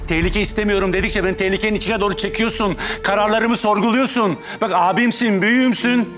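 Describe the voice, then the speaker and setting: An actor playing a younger brother and son who leads his family, intense and reproachful, his voice rising to shouts. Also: lowish voice, brisk, natural voice. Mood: angry. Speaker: family leader in a TV drama. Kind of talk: TV drama acting. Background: dramatic music score.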